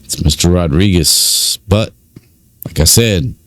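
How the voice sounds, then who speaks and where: A man's voice: sits low, slow pace, a bit bright. A man giving casual commentary, reading out records with many fillers and informal asides. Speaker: YouTube commentator on prison news.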